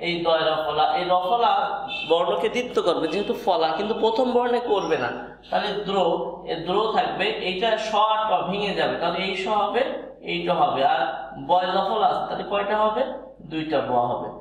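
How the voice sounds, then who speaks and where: A man's voice: sits high, animated, moderate pace. A man teaching pronunciation, explaining each step methodically and repeating examples. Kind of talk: pronunciation lesson. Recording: very echoey room.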